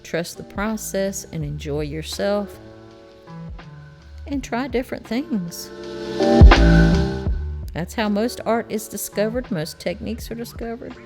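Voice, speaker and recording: A woman's voice: fairly high pitch, lively intonation, measured pace, long pauses, over loud music. A middle-aged woman with a Southern accent, chatting through a watercolor painting tutorial in a folksy, encouraging way. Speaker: watercolor art teacher.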